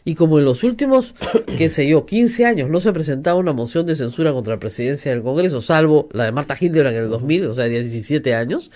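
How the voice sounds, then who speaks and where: A woman's voice: deep voice, lively intonation, quick pace, dark tone. A woman, hosting a political discussion and speaking assertively while often interjecting agreement. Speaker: host.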